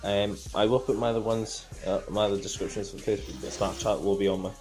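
A man gives a casual, halting, repetitive vlog update into a phone at arm's length in a room at home. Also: fairly low pitch, steady tone, darkish tone, soft background music, poor audio. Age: 20s. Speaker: vlogger.

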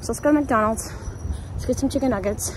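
A woman's voice: on the high side, fast talker. A woman in her forties talking to camera from her car, rambling in a tired, chatty way. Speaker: van-life vlogger. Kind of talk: casual vlog talk to camera. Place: inside a parked car. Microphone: camera mounted on the dashboard. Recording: loud background noise in a car.

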